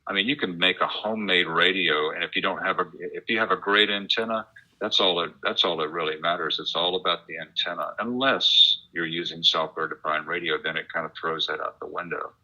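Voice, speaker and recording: A man who is an author and radio enthusiast speaks as an interview guest, explaining things informally and methodically. His voice is low, brisk, pushed and bright, though the audio itself sounds dull.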